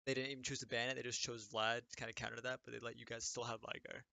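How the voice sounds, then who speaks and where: Young male color commentator, relaxed analysis. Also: mid-range voice, racing, creaky, no room sound. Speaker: esports co-caster. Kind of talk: live game commentary.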